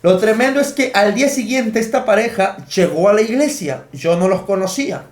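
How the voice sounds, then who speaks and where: A man's voice: high-pitched, lively intonation, moderate pace, slight background noise. A man preaching a sermon, teaching emphatically and counting out his points. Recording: echoey room.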